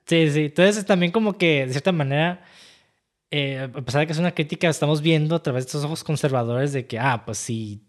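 A man with a Mexican Spanish accent chatting casually about movies on a podcast, relaxed and slangy as he recounts film trivia. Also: fairly high pitch, a little fast.

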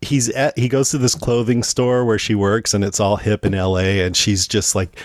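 A man's voice: lowish voice, level tone, normal speed, no echo, clean studio sound. A man hosting a podcast, talking casually about favorite movies and animatedly acting out lines. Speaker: podcast host. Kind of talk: casual film chat.

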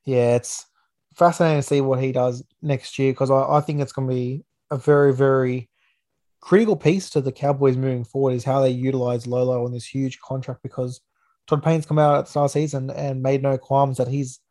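Male Australian podcast host, soft-edged warm timbre, matey everyday-bloke delivery, casual sports review. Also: medium pitch, fairly even intonation, fairly quick.

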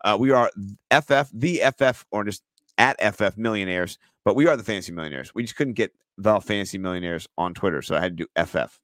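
Excitable laughing man co-hosting a podcast. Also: fairly low pitch, quick pace, no room sound. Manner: laughs often, animated and excitable when amused. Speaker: podcast co-host. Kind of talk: casual chat.

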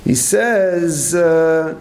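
Rabbi teaching a late-night Talmud class: higher gravelly voice, animated rhetorical questions, echoey room. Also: male voice, extremely slow, crowd noise. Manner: animated, rhetorical questions, frequent restarts, Hebrew terms.

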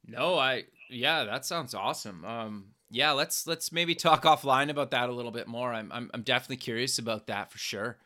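Bright-voiced casual male podcast host. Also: mid-range voice, normal speed, hardly any pauses. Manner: friendly, affirming, relaxed slang. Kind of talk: casual interview chat.

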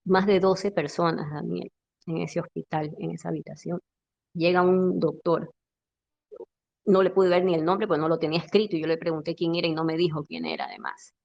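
A woman's voice: on the low side, fairly quick, vocal fry, highs cut off. A woman caller intensely telling a personal story and retelling dialogue. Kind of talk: emotional personal account.

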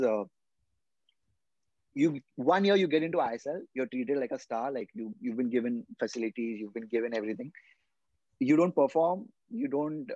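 A young man from India, a guest footballer on a casual podcast, explains things earnestly and often repeats his words while thinking. His voice is mid-range with a darkish tone, heard with no echo on a dull lo-fi podcast mic.

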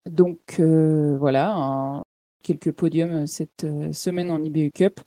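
A woman co-host talks through sports results in a warm, mellow voice that sits a little low. She hesitates often and fills gaps with fillers. Her sound is close and dry. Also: fairly even intonation, unhurried, no room sound. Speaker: podcast co-host. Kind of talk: casual sports chat.

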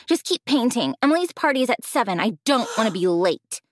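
A woman voicing a bossy, spoiled teenage stepsister who speaks in a shrill, petulant way. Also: very animated, brisk, soft background music.

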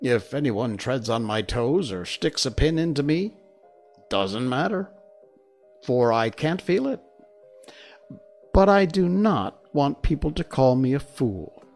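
A husky storybook scarecrow, played by a male reader, friendly, simple and earnest. His polite, exclamatory speech is pitched up and swings widely, with music playing underneath. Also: animated, slow, pauses often, darkish tone. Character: friendly, simple straw-stuffed male scarecrow come to life.

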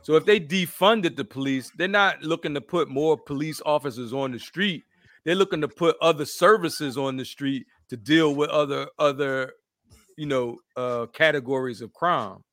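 Man, co-host, casual discussion, skeptical questioner, bright voice, dry recording. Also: on the high side, moderate pace, no echo. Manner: skeptical, pushes back and questions. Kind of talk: casual talk-show discussion.

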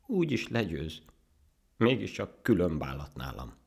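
A man's voice: low voice, huge pitch swings, voice pushed up, exaggerated voice. A man voicing a small, proud and stubborn male ant in a storybook tale. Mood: tearful. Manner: indignant, offended. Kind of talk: storybook character voice.

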